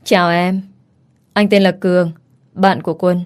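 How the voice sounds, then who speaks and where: A woman's voice: on the low side, flat delivery, a little slow, smooth, lightly acted. A woman voicing a smug, scornful young male henchman in an audio story. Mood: polite.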